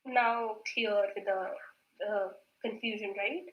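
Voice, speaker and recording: A woman teaching a Korean grammar class online, patient and repetitive, often clearing her throat and mixing in Hindi. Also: mid-range voice, steady tone, roomy sound, muffled recording. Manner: patient, repeats words slowly, mixes in Hindi.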